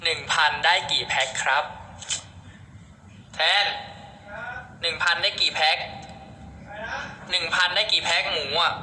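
A man's voice: a little high, steady tone, a little slow, long pauses, sharp tone. A man chatting casually on a live stream, reading out viewer comments and selling pork, playful and joking, with a Khmer-speaking background. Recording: echoey room with background noise.

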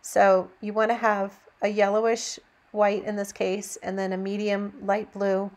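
A woman narrating a painting demonstration as an instructor, in a gentle, encouraging teaching manner. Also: medium pitch, level tone, measured pace.

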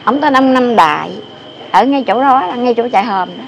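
A woman's voice: fairly high pitch, animated, moderate pace. An older woman tells local stories in a rambling, emphatic way, repeating her phrases. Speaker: interviewee telling local lore. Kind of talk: casual storytelling. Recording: noisy outdoor ambience with passing vehicles.

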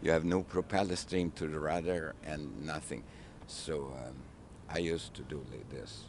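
An older ship captain with a very deep voice speaks slowly in broken English, searching for his words with fairly even intonation. He is interviewed outdoors on a wooden ship at a city waterfront, talking into a handheld mic held by the interviewer, with faint outdoor noise behind him.

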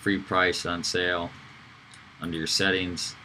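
A man giving a casual screen-recorded software tutorial, talking loosely with fillers and self-corrections. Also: low-pitched, little pitch movement, unhurried, a little hiss or hum, rough recording. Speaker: instructor.

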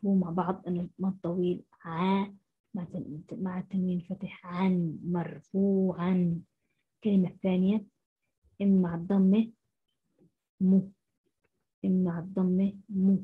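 A woman teacher, giving a first-grade phonics lesson and sounding out syllables slowly. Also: lowish voice, flat delivery, husky. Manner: slow, syllable-by-syllable sounding out of letters. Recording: muffled lo-fi recording.

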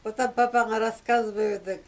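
A woman's voice: a little high, fairly even intonation, moderate pace, vocal fry, a little mellow, recorded from a distance. A woman in her seventies casually telling an anecdote, recorded by a camera in a small room at home. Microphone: camera a short distance away.

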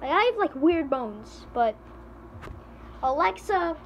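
A teenage girl in a comedy skit vlog, panicky and pleading, often shouting for help. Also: high voice, big pitch swings, slow, a little hiss or hum. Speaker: vlogger.

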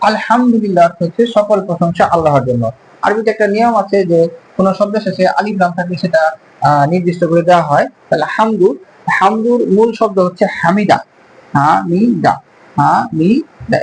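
Male teacher, high voice, drawn-out syllables for drills, faint hiss on the track. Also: rough recording. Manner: slow, careful, drawn-out syllables when modelling sounds. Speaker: Arabic teacher. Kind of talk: pronunciation lesson.

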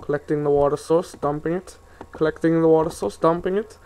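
A young man with a slightly high voice talks through his gameplay in a loose, rambling way. He wanders off topic and grumbles about small annoyances as he builds. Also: fairly even intonation, a little fast, mellow. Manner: rambling, easily sidetracked, grumbling asides. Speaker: gaming video host. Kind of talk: casual let's play commentary.

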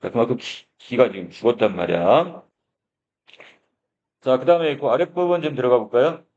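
A man's voice: medium pitch, lively intonation, normal speed, darkish tone. A male teacher reading a story aloud and explaining its phrases, asking his class questions as he goes. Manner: explanatory, asks the class questions, begins lines with "자". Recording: dull lo-fi recording.

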